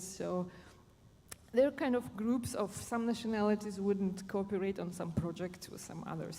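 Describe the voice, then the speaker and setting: On a conference stage in a big, echoey hall with faint background noise, a German woman of medium pitch and mellow tone speaks on a panel about positive psychology. Her unscripted explanation is halting as she hunts for words.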